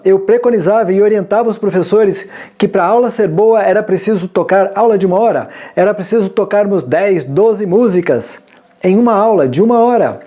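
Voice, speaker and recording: A man teaching forró dance, explaining musical phrasing in a measured, explanatory way. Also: high-pitched, warm tone. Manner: measured, explanatory, sings short lyric lines to demonstrate counting. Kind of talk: instructional video lesson.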